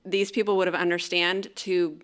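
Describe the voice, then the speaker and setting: A woman co-hosting a casual Bible discussion, talking in a lively, playful way and acting out quotes. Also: fairly low pitch, moderate pace. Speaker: Bible study podcast co-host.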